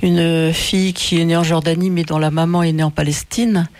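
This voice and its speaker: An older man in a conversational interview, asking questions and reflecting with hesitant pauses. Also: fairly high pitch, fairly even intonation, a little mellow.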